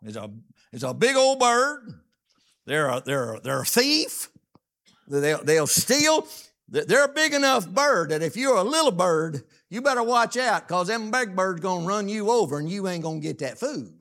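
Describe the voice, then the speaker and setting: A man preaching a folksy, plainspoken sermon, reading scripture aloud and stressing words with drawn-out emphasis. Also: high voice, big pitch swings, fairly bright tone.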